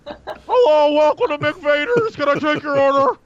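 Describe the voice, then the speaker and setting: A bouncy, eager fast-food worker of a galactic empire, as a man puts him on. The voice sits very high and swoops around with glee. The mic sounds dull and lo-fi, with clear noise beneath it. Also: animated. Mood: cheery. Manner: eager, cheery, high put-on voice. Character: chipper male Imperial fast-food worker.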